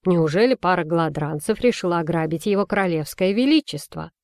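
A woman's voice: on the low side, lively intonation, fairly quick, a little mellow, no room sound, clean studio sound. A woman playing a frail, ancient old man. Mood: suspicious.

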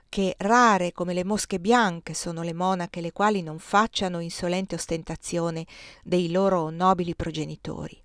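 A woman reading a historical memoir aloud in an expressive, measured storytelling manner. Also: fairly low pitch, dry recording, clean studio sound. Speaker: reader.

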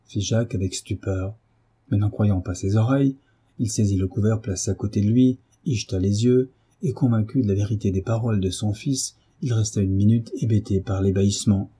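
A man narrating a classic novel as an audiobook, reading in a measured, steady way. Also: on the low side, breathy edge. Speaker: audiobook reader.

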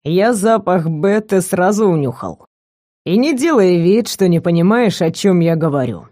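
A woman reading an audiobook, voicing a young male werewolf kidnapper who speaks low, quiet and mocking. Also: animated, normal speed, dry recording, clean studio sound. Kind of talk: audiobook character voice.

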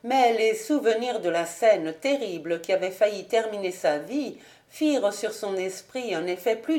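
A woman narrating a classic novel for an audiobook. Her voice sits in an ordinary middle range, and she reads at a steady, measured pace with clear delivery. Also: mid-range voice. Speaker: audiobook reader. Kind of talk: scripted literary narration.

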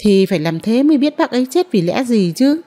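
A woman's voice: on the high side, sing-song, a little fast, dark tone. A frank older village man urging action, as a woman narrator reads him. His lines are plain and persuasive in a storybook reading. A long reverb hangs after each phrase.

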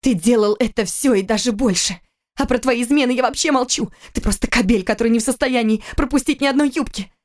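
A woman's voice: a little high, fast, voice pushed up, close to an everyday voice. A woman reading an audiobook, voicing a furious, bitter young wife and mother who accuses her husband in a raised, heated voice.

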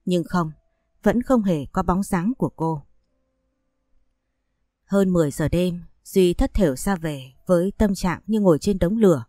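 A woman narrating a story in a calm, steady, emotive way. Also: lowish voice, a little slow, long pauses, no echo, studio quality.

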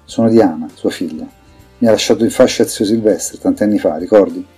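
A frail young woman speaks softly and gently, voiced by a man reading aloud. The delivery stays low and mellow. A faint breathy haze sits on the voice. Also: brisk, soft background music. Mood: gentle. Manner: soft, gentle.

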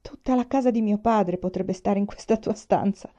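A woman voicing a calm, good-natured young peasant man who speaks plainly. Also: mid-range voice, normal speed, close to an everyday voice. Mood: wondering. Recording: dull lo-fi recording.

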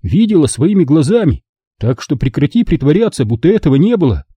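A defiant teenage boy who protests hotly and shouts back, as a man reading an audiobook plays him. The voice is husky and warm, a little raised in pitch. The sound is dry and close to the mic. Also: big pitch swings, a little fast, no echo. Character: defiant fifteen-year-old boy, troubled and intense.

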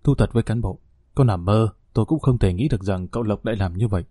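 A man's voice: lowish voice, quick pace, mellow, dry recording, close to an everyday voice. A man voicing a shaken middle-aged father who explains himself earnestly and apologizes.

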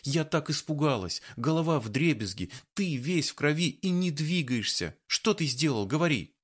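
A man's voice: sing-song, unhurried. A male audiobook reader voicing a frightened, indignant young woman who scolds and nearly cries, raising his voice well above his own. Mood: tearful. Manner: shrill, scolding, near tears. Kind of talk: audiobook character voice.

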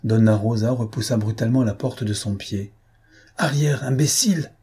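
Husky, low-voiced male narrator. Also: flat delivery, fairly quick, mellow. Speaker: audiobook narrator. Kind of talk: scripted narration.

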